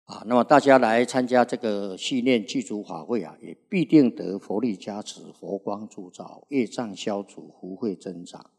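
An older Buddhist monk in his sixties preaches slowly, with long "ah" fillers between his phrases. His voice is low, gravelly and husky, and it carries a long reverb, as though recorded in a large hall. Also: expressive, a little mellow. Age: 60s. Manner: unhurried preaching, frequent drawn-out "ah" fillers. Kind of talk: Buddhist sermon.

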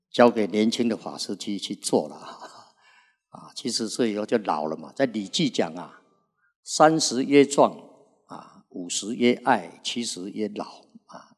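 Gravelly older monk in a reverberant hall. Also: male voice, fairly low pitch, darkish tone. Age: 60s. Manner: unhurried preaching, frequent drawn-out "ah" fillers. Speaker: Buddhist monk. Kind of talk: Buddhist sermon. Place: Buddhist recitation hall.

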